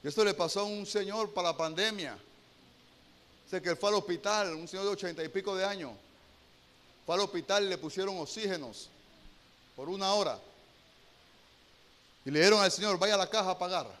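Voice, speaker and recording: Male pastor, high and bright voice, preaches with rhetorical questions, hushed storytelling rising to loud exhortation. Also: brisk, pauses often. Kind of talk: sermon.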